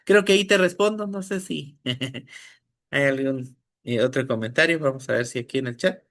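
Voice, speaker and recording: A man's voice: mid-range voice, moderate pace, fairly bright tone. A man teaching an online class, explaining material step by step and often checking in with his listeners. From Guatemala. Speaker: teacher leading an online training session.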